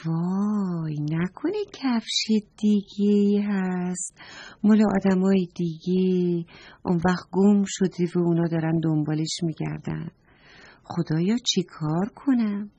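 A woman's voice: mid-range voice, expressive, darkish tone, husky, dull audio. A woman voicing a polite, eager little boy in a children's story, speaking earnestly and respectfully and asking worried questions. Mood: puzzled. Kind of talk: storybook read-aloud.

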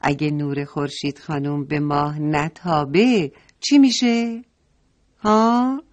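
A woman's voice: deep voice, lightly acted. A woman voicing a kind mother who patiently explains things to children in a story. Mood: gentle teaching. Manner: patient, explaining, asking questions.

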